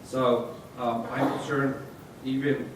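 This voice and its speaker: A man speaking as a state legislator on a panel, halting with many fillers and restarts. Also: mid-range voice, level tone. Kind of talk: panel discussion remarks. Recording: echoey hall, distant mic, noisy.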